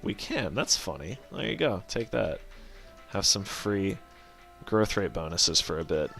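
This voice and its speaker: A man's voice: low voice, sing-song, measured pace, gravelly, fairly bright tone, faint music behind. A man giving casual gameplay commentary as a let's play host, rambling, correcting himself and swearing offhand as he thinks aloud.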